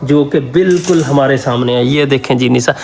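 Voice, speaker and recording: A young man vlogging casually from inside an indoor trade center, pitching gadgets with eager, salesman-like enthusiasm. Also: normal speed, gravelly, darkish tone. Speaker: travel vlogger. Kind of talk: casual promotional walkthrough.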